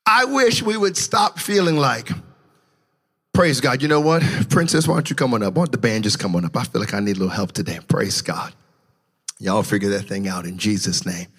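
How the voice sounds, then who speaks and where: A man preaching a sermon in a church, passionately shouting in a sing-song preaching cadence. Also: mid-range voice, animated, brisk, breathy edge, long reverb tail. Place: church sanctuary.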